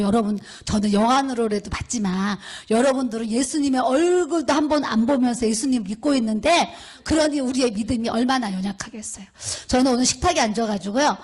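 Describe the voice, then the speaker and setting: A woman's voice: fairly high pitch, darkish tone, slightly rough. A middle-aged woman, a pastor's wife, preaching a sermon as a storyteller who acts out the people she quotes. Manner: storytelling, acts out quoted speech with rising emphasis.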